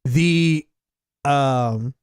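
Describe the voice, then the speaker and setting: A man's voice: mid-range voice, extremely slow, darkish tone, clear, resonant tone, dry recording. Enthusiastic podcast man, dry close sound. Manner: enthusiastic, stumbling restarts, laughs easily. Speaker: podcast co-host. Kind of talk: casual chat.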